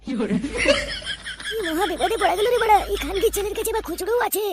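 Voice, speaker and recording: Thelu, a man doing a squeaky cocky cartoon lad. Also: quick pace. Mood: scheming. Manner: swaggering, foul-mouthed asides. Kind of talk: cartoon comedy dubbing. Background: music.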